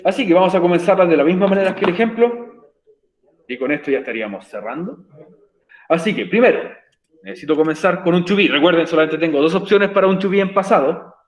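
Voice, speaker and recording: A man's voice: high voice, animated, quick pace, roomy sound, muffled recording. A man teaching an online English class, patient and encouraging, explaining step by step.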